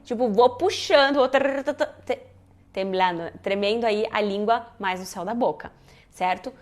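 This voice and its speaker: A woman's voice: medium pitch, normal speed. A woman, teaching a casual pronunciation lesson and modeling sounds as she goes. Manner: lively, demonstrates sounds, says "né?" often. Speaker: Spanish teacher.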